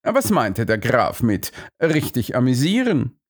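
Man putting on a higher, clipped detective voice, all sharp questions, lively pitch. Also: measured pace. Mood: probing. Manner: terse, questioning. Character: sharp, probing male detective.

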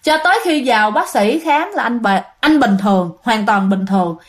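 Her ghost story comes in a Southern Vietnamese accent, with a voice on the high side, lively intonation, and a normal pace. She keeps it conversational, talking directly to those listening.

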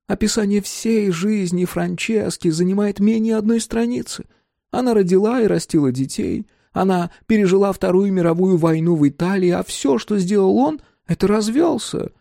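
An indignant middle-aged woman presses her complaints in a lively, high voice, put on by a man reading aloud. The sound is dry and close. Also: normal speed, vocal fry, no echo. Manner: complaining and insistent.

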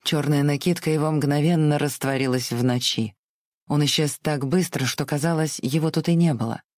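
An audiobook narrator reading a novel in a measured, expressive way. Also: mid-range voice, no room sound, studio quality. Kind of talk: literary narration.

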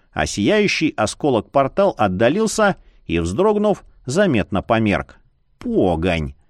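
A man narrating a fantasy novel in a dramatic, expressive reading. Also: dry recording. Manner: expressive, swinging pitch. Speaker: audiobook narrator. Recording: dry close studio sound.

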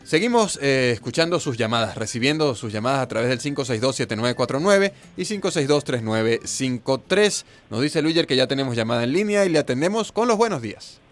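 Brisk radio host, man. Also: medium pitch, animated. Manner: brisk announcer, quick interjections. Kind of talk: radio talk show hosting.

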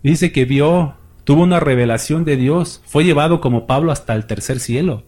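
Guy preaching to his church, kinda high voice, gets loud on the bible verses. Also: normal speed, breathy edge. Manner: emphatic preaching, rising for scripture, addresses congregation as brothers. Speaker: pastor. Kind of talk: sermon.

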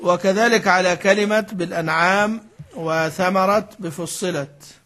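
High-voiced man explaining recitation rules. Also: fairly even intonation, a little slow, pushed and bright. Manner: explains patiently, repeats key words, asks and answers himself. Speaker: sheikh teaching Quran recitation. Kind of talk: classical Arabic lesson commentary.

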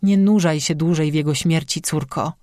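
A narrator voicing a stern, gentle old woman shaman who speaks calmly and gravely, in audiobook dialogue. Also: deep voice, normal speed, no echo, clean studio sound, lightly acted. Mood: stern, sad. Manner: calm, grave, motherly admonishing.

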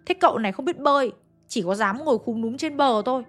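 A woman tells a ghost story in a chatty, confiding way, turning often to her listeners. Her voice sits a little high. Faint music plays underneath. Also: expressive, fast. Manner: chatty, addressing listeners directly.

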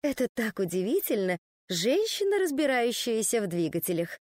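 Lady reading a cooing glam young wife, sarcastic, high and bouncy. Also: sing-song, normal speed, a little mellow, dry recording, clean studio sound. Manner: breathy, purring.

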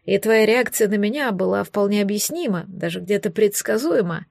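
A woman's voice: mid-range voice, animated, normal speed, gravelly, a little mellow, no echo. A woman voicing a mysterious sardonic man in an audiobook, speaking in a dry, musing, condescending way. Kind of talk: audiobook reading.

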